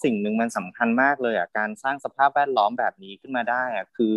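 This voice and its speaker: Brief: male panelist, mid-pitched, hesitant and filler-heavy, dry close sound, video call. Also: quick pace, a bit bright, dry recording. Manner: hesitant, thinking aloud with many fillers. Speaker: theatre panelist. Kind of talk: casual panel chat.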